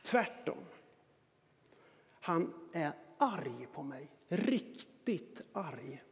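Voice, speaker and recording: High-voiced self-mocking male storyteller. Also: sing-song, creaky, long reverb tail. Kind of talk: personal anecdote monologue.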